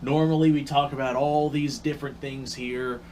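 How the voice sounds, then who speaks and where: A man's voice: medium pitch, steady tone, moderate pace, darkish tone, slight background noise. A man talking casually to camera, with upspeak that rises at line ends and rambling restarts, with the hiccups. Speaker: YouTube creator.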